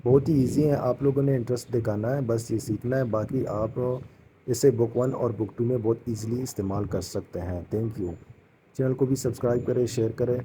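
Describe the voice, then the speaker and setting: A man's voice: medium pitch, fairly even intonation, background noise. A man teaching a casual beginners' language lesson, patiently repeating each sound and encouraging his students.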